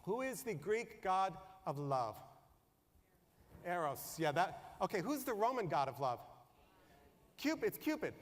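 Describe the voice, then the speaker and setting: Guy with a high voice doing a funny talk, keeps quizzing the crowd, big echoey hall. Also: unhurried, pauses often. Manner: animated, quizzes the audience. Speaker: conference speaker. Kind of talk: humorous storytelling talk. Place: conference room before an audience.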